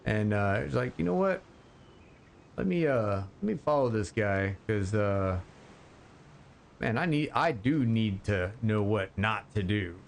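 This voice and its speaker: A man's voice: fairly low pitch, animated, gravelly, slight background noise. A man casually commentating his game on a live stream, joking and chatting with viewers, rambling with lots of fillers. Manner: slow, rambling with many fillers.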